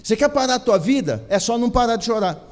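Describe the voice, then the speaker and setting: A man with a Brazilian Portuguese accent preaches a sermon in a notably high voice, driving his points home with repetition and rhetorical questions. His words ring out with a long reverb, as in a large church hall. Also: expressive, fast talker. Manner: emphatic preaching, rhetorical questions, repeats phrases. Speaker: pastor.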